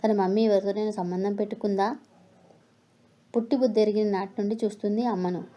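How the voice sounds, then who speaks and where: A woman narrating a story with steady, expressive reading. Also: mid-range voice, brisk.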